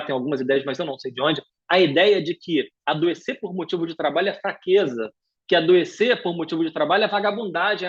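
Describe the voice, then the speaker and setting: A man with a Brazilian Portuguese accent giving a brisk, animated talk over a video call, often filling pauses with "é". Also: sits high, slightly rough, muffled recording. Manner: brisk, animated lecturing with frequent filler "é". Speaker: guest speaker, professor. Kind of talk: live webinar lecture.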